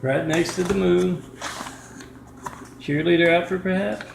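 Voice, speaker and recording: Inside an apartment with a kitchen, a man vlogs to the camera in a rambling monologue, restarting often and reading out numbers and addresses, picked up by the camera mic. His high, gravelly voice stays steady and unhurried. The room is echoey, with slight background noise.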